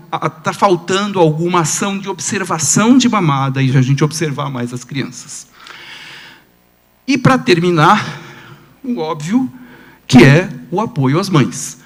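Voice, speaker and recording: Giving a conference talk, this Brazilian-accented male pediatrician animates his stories and puts rhetorical questions to listeners. His voice leans high, and his pace is measured.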